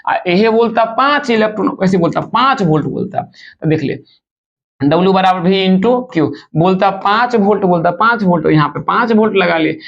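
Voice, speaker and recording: A male physics teacher, talking fast and chatty as he works through exam questions and speaks to his students informally. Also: high-pitched, vocal fry, fairly bright tone. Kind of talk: objective-question exam lesson. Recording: dull lo-fi sound.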